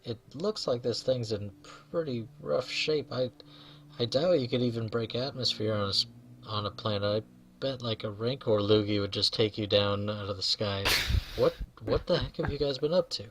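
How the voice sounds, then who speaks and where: A man voicing a weary woman starship mechanic who talks in halting, distracted bursts. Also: medium pitch, fairly bright tone, slight background noise, lightly acted.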